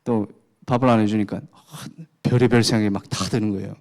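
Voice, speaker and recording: A man's voice: fairly low pitch, steady tone, fairly quick, a little mellow. A man preaching a sermon as pastor. He fires off rhetorical questions with emphatic rises and drops in chatty asides about his home life.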